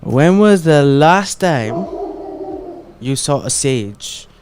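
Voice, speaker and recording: A man's voice: fairly high pitch, expressive, extremely slow, a little mellow, slight background noise. A man with an Indian English accent casting an esports tournament, chatty and analytical, laughing now and then. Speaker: esports caster. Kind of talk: play-by-play commentary.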